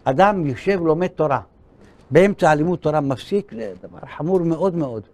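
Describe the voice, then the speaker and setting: A man's voice: on the high side, a little mellow. An older man, a rabbi, giving a sermon, telling a story and acting out the dialogue in a raised voice. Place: school hall.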